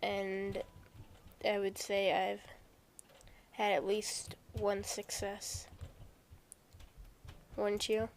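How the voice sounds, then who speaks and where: Slow, flat-voiced woman game commentator. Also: mid-range voice, a little hiss or hum. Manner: chatty, joking asides to viewers. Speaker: video game player. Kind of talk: reading a visual novel aloud with commentary.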